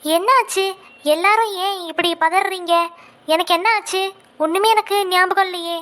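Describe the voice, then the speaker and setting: A woman's voice: extremely high pitch, fairly even intonation, moderate pace, fairly bright tone. Woman voicing a bewildered young cartoon heroine. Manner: bewildered, questioning. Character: confused young woman waking with lost memory. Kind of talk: comic cartoon voice acting.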